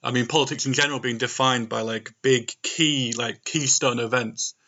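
A man's voice: medium pitch, fairly even intonation, normal speed, sharp tone. A man co-hosting a casual podcast from home, speaking hesitantly with many fillers, his voice tinny from a laptop microphone. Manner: hesitant, full of "um" and "like". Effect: tinny laptop-mic sound. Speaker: podcast co-host. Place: home during isolation. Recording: dull lo-fi laptop recording.

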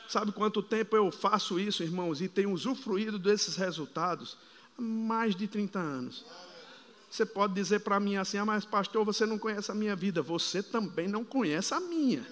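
High, bright-voiced fervent male preacher. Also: expressive, normal speed. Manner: fervent, calls the congregation to repeat phrases; builds to shouting. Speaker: apostle preaching. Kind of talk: sermon. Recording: long hall reverb.

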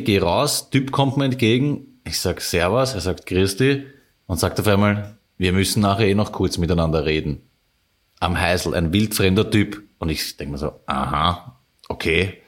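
Ein Mann mit Wiener Akzent, Co-Moderator eines Podcasts, plaudert locker und witzelnd in kräftigem Dialekt. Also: male voice, fairly low pitch. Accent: Viennese. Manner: laid-back, joking, heavy dialect slang. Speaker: podcast co-host. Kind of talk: casual chat.

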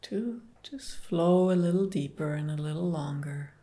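A woman leading a guided relaxation meditation, speaking softly and partly in whispers. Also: low voice. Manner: soft, slow, soothing, partly whispered.

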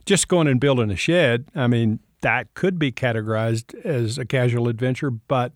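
A male host in a reflective faith conversation answers his guest with warm, ready affirmations. He drifts into long, winding stories and keeps a mid-range voice. The sound is close and dry. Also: mid-range voice, moderate pace, dry recording. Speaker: podcast host.

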